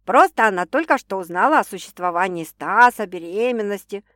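Lady doing a brash skeptical sister, punchy slang, loud, dry audiobook. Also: mid-range voice, expressive, brisk, no room sound, lightly acted.

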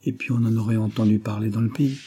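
A man's voice: lowish voice, steady tone, quick pace, dark tone, slightly rough. A man voicing a level-headed friend. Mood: reasoning.

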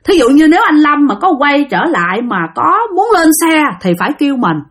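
Lively Southern Vietnamese woman telling stories. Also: sits high, a little fast. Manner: chatty, addresses listeners directly, acts out quotes. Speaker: storyteller. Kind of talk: spoken ghost story narration.

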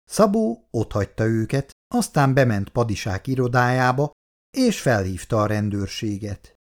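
A man's voice: mid-range voice, big pitch swings. A man reading a novel aloud as narrator.

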